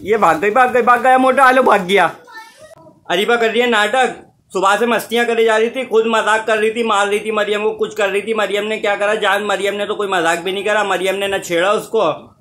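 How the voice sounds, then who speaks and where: A man's voice: sits high, fairly even intonation, a little fast, sharp tone. A man filming a casual family vlog at home, teasing and coaxing children in a playful way. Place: home indoors.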